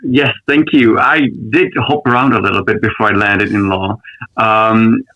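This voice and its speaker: Man, thoughtful, hesitant ums, lowish voice, dull lo-fi, dry. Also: steady tone, no room sound. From Czech Republic. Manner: thoughtful, measured, frequent ums and restarts. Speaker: lawyer guest. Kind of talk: conversational interview answers.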